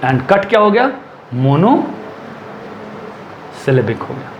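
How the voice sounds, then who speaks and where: A man with a high, sing-song voice teaches in Hindi sprinkled with English, slowly repeating and dictating every rule as he writes it down. He asks himself questions and supplies the answers. The lo-fi recording comes from an echoey room with a faint background hum.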